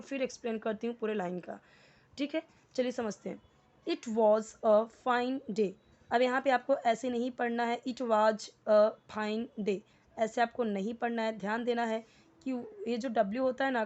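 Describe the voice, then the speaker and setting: Patient Indian woman teaching English slowly. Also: a little high, a little mellow, highs cut off. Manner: patient, explains word by word, reads English lines slowly. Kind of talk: step-by-step language lesson.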